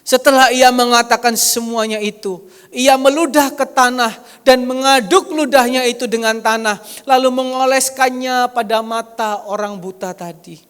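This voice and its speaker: A high-pitched man preaching in a church. His voice rings around a big hall with a long echo. He acts out quoted voices and jokes with the congregation. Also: fairly even intonation, normal speed, a bit bright, clean tone. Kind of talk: sermon.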